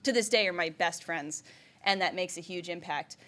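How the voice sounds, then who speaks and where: A woman's voice: fairly low pitch, normal speed, a bit bright. A woman in her thirties from Vermont gives a presentation. She speaks in a chatty way, with lots of "like" and "right?", and laughs often. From United States (Vermont). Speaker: entrepreneur giving a presentation. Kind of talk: presentation talk.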